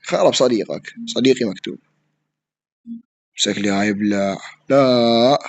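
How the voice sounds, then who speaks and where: A man with an Iraqi Arabic accent giving live gameplay commentary, excitable, yelling at opponents and swearing as he plays. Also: mid-range voice, normal speed. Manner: excitable, yells at opponents and swears mid-play. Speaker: gaming streamer.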